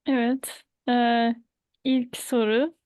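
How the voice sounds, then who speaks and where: Slow, halting woman, foreign learner of Turkish. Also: a little high, little pitch movement, a little mellow, clean tone, no room sound, studio quality. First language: not Turkish. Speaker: student in a language class. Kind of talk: answering lesson questions in learner's Turkish. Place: online video class.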